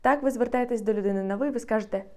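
A woman giving a grammar lesson, patiently repeating each example slowly. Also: a little high, a little mellow. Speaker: Spanish teacher.

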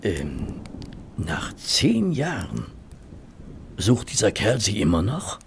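A man acting in an audio drama as a mild, loyal gentleman doctor, raspy, hesitant and polite. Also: fairly low pitch, huge pitch swings, slow, a little hiss or hum, full character voice. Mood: puzzled. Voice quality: raspy, gravelly.

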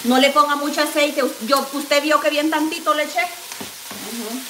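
A high-pitched woman with a Guatemalan Spanish accent talks viewers through her cooking in a home kitchen, chatty and affectionate, forever saying "look." The room is echoey, with a pan sizzling and frying noise behind her. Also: unhurried. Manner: homey and chatty, constantly says "mire" and calls viewers "mamayita". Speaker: cooking vlogger.

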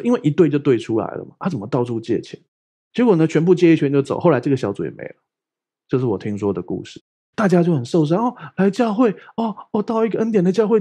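Male pastor, husky voice, animated conversational sermon delivery. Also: fairly high pitch. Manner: lively, conversational preaching with rhetorical questions.

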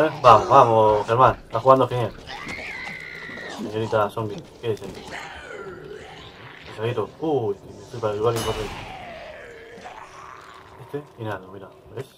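A man's voice: fairly low pitch, background noise. Jumpy Rioplatense man narrating his gameplay. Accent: Rioplatense Spanish. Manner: chatty, easily startled, yelps and laughs at scares. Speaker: gaming YouTuber. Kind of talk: casual let's-play commentary.

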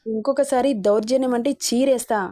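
A woman's voice: on the high side, steady tone, fairly quick, warm tone, natural voice. A woman voicing a fierce, proud elderly grandmother who owns land and speaks in a commanding, threatening way.

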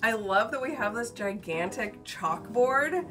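An excitable woman in her thirties narrates a casual walk-through of a small cruise cabin. Her voice leaps up and down as she gushes over each new detail. Music plays underneath. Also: fairly high pitch, a little slow. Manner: excitable, gushing exclamations. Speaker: travel vlogger.

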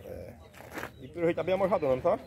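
A man's voice: on the high side, big pitch swings, rapid-fire, vocal fry, a little mellow. A man walking an outdoor goat market with his phone, chatting with sellers about prices and relaying them to viewers. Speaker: vlogger touring a livestock market. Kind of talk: casual on-the-spot market walkthrough. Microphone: phone camera held by the speaker. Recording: noisy outdoor market with crowd. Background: crowd chatter and bleating animals.

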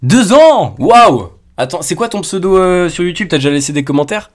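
A man hosting a casual call with his fans, excitable and teasing, joking and then taking it back, with sudden shouts. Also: high voice, quick pace. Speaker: YouTuber host calling subscribers. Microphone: computer mic on a voice call.

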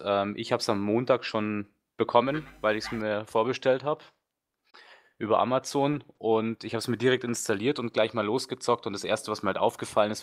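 A man, a guest let's player, chatting casually and rambling with lots of fillers and strong opinions. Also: lowish voice. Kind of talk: casual podcast chat.

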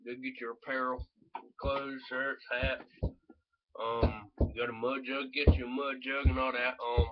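A dull, lo-fi home recording of a young man with a Southern US accent. He speaks at a middle pitch in a casual, rambling way. He is blunt and swears freely, as if talking to viewers from his room. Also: flat delivery, a little slow, over loud music. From North Carolina, United States. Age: young adult. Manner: blunt, laid-back, heavy swearing. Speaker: vlogger reviewing chewing tobacco. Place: small room at home, indoors. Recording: dull lo-fi webcam audio.

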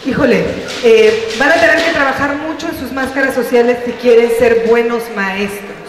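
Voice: medium pitch, normal speed. A speaker teasing the audience and giving advice to trainee teachers in a joking way. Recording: very echoey hall, distant mic, noise.

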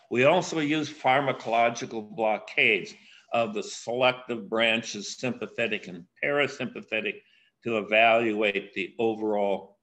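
An older man giving a keynote academic lecture, speaking in a measured way with frequent pauses and filler sounds. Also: lowish voice, fairly bright tone. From USA.

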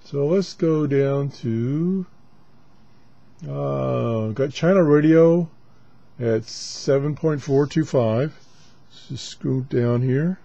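Mellow guy casually talking to himself while tuning a radio, dull sound w static behind him. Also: medium pitch. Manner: unhurried, muttering to himself in short phrases. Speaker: shortwave radio hobbyist host. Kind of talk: casual off-the-cuff demonstration commentary. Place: small indoor radio desk. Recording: dull camera audio with clear static noise. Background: shortwave radio static.

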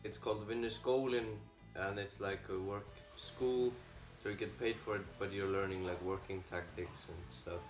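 Teen male interviewee from Iceland, low voice, rambling casual answers, roomy echo. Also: steady tone, moderate pace, few pauses, music in the background. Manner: rambling, with many likes.

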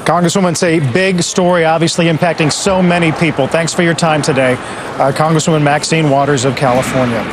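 Male business-news anchor, high voice, brisk delivery, noisy broadcast feed. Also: fairly even intonation. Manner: brisk, quick questioning.

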